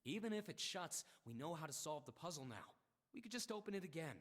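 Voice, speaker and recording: A woman voicing a sulky, contrary young man who mutters flatly. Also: low-pitched, quick pace, voice pushed down.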